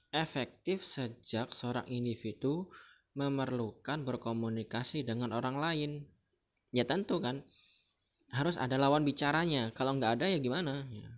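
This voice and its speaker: Guy from central kalimantan explaining a lesson, chatty, keeps asking you to follow along, ordinary pitch. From Central Kalimantan, Indonesia. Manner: chatty, checks in with the listener often. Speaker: teacher. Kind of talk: casual explanatory lecture.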